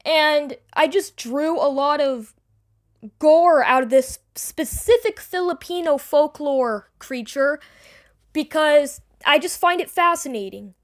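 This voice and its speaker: A woman giving an unscripted, defensive personal explanation to an online audience, rambling and halting with repeated words and casual swearing. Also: high voice, a bit bright. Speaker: online creator addressing the audience. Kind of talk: unscripted personal apology and self-defence video.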